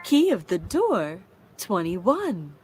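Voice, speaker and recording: A woman calling bingo numbers with their rhyming calls, slow and measured. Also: lowish voice, big pitch swings. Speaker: bingo caller. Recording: loud music playing underneath.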